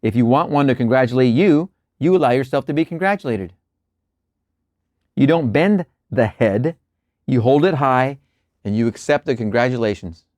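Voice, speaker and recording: A man hosting a show, reading spiritual lecture passages aloud in a measured, deliberate way and breaking off for relaxed asides and quiet chuckles. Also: medium pitch, no room sound, clean studio sound. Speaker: host reading and explaining lectures. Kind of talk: reading aloud with casual commentary.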